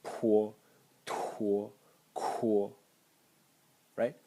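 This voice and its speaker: A man's voice: lowish voice, little pitch movement, drawn-out words, vocal fry, mellow. A young man with a Slovak accent, a native Slovak speaker, explaining sounds in a casual lesson with frequent hesitations. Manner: hesitant, with many ums and restarts. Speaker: language teacher.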